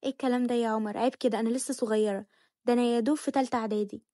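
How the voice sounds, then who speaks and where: A woman's voice: a little high, steady tone, very fast, warm tone, no room sound, studio quality, close to an everyday voice. A woman with an Egyptian accent voicing a spoiled, cheeky young wife who talks in a sassy, bratty way. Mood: nervous. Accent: Egyptian Arabic.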